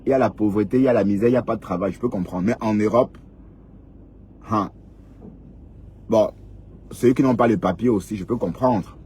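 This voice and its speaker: Man, 50s, vlogger lecturing the camera; low, warm voice, faint car noise behind. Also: fairly quick, long pauses. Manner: lecturing, repetitive, frequent "hein?". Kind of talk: casual advice monologue.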